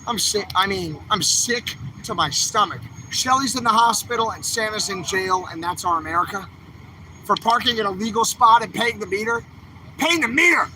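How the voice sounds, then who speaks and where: A man's voice: sits high, sing-song, moderate pace, bright, forceful tone, slight background noise, rough recording. A man filming on a phone outdoors on a city street, delivering an impassioned, angry livestream rant full of repeated calls to action. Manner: fiery, repetitive, angry exhortation. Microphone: handheld phone camera.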